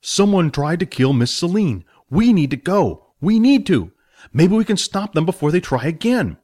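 Man voicing a stubborn young barbarian, earnest, insistent, lively pitch. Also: normal speed.

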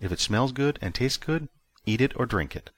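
A man's voice: medium pitch, animated, moderate pace, breathy edge, pitched above the performer's own voice. A man voicing a blunt, matter-of-fact woman who leads a spaceship crew. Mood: blunt, stern. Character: blunt, stern female spaceship crew leader.

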